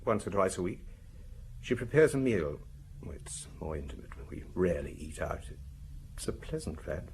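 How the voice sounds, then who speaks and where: In a radio drama, an actor plays a weary, defensive husband being questioned by police, explaining himself hesitantly in broken sentences with a candid air. His deep, darkish male voice swings widely in pitch at a moderate pace, with a little hiss or hum.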